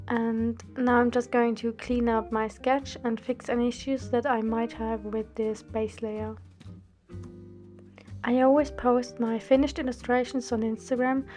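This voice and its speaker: A woman of twenty-one from Austria, narrating a drawing video in a careful, scripted way. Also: on the high side. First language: German. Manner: careful, steady, read-out delivery. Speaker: art student and drawing channel host.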